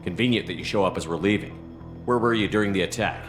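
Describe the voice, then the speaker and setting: A man's voice: low-pitched, quick pace, close to an everyday voice. An actor playing a battle-hardened male commander who talks in terse, guarded questions. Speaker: military commander. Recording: game audio with music score.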